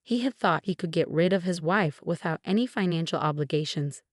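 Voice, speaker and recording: A woman narrating a first-person story in a calm, even, scripted way. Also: lowish voice, brisk, no echo, studio quality.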